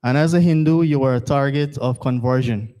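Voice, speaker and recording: A man's voice: medium pitch, a little fast, warm tone, smooth. A man from Guyana, chairing a temple service in an earnest, rhetorical formal address that repeats phrases for emphasis. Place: temple hall.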